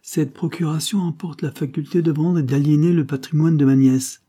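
Voicing a stern older aristocrat, a man forcefully and indignantly reproaches his nephew with scornful accusations. His voice is a little high and pushed up, steady in tone, at a moderate pace with a breathy edge.

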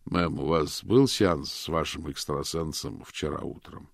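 A man voicing a calm, polite male detective questioning someone on the phone. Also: rumbling low, measured pace, creaky, dry recording, clean studio sound, full character voice.

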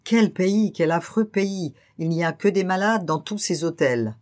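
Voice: mid-range voice, measured pace, a little mellow, close to an everyday voice. A narrator voicing an anxious, fussy middle-aged bourgeois man who speaks in fretful, raised exclamations. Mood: fretting.

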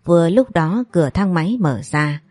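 A woman narrating a romance story with a steady, expressive reading. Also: on the low side, moderate pace, dry recording.

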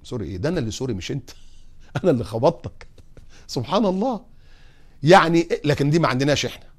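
A man with an Egyptian accent preaching on morals, putting lively rhetorical questions to his audience and telling humorous anecdotes. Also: a little high, fast talker. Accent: Egyptian Arabic. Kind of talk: religious talk on morals.

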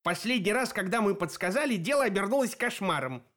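A man's voice: expressive, fairly quick, a bit bright. A man reading an audiobook, voicing a quarrelsome, shrieking, blind old hag woman. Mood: shrill, squabbling. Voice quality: shrill shrieking.

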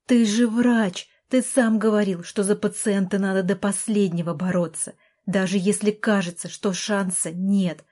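A woman voicing an exasperated older sister, a doctor, who pleads and shouts at her brother in an audiobook. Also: medium pitch, fairly even intonation, moderate pace, few pauses, close to an everyday voice. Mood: desperate.

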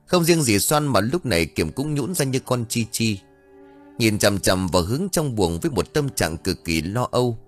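A man narrating a ghost story audiobook with dramatic, expressive delivery. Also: mid-range voice, normal speed, soft background music.

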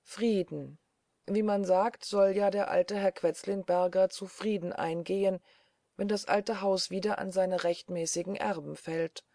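A brooding male assistant with a dark, wistful way of speaking, as a woman reads him aloud. His voice has a gravelly edge and a mellow warmth. The sound is dry and close, like a storybook reading. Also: medium pitch, steady tone, a little slow, dry recording, close to an everyday voice. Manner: musing, darkly wistful. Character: brooding eerie male assistant, gloomy dreamer.

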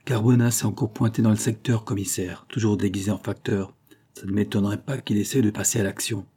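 Brief: male audiobook reader, first-person crime story, dark husky tone. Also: on the low side, steady tone, brisk. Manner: colloquial, wry slangy delivery. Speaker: audiobook narrator.

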